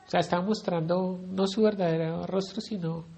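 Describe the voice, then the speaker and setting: Gravelly Colombian preacher. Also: male voice, sits high, fairly even intonation, normal speed, dark tone. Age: middle-aged. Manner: conversational, asks the listeners questions. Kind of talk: Bible study sermon.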